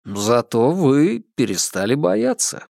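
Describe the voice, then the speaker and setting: A man playing a calm, ironic young male detective with a dry, teasing, unhurried manner in an audiobook. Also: medium pitch, vocal fry, dry recording, heavily acted. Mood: wry.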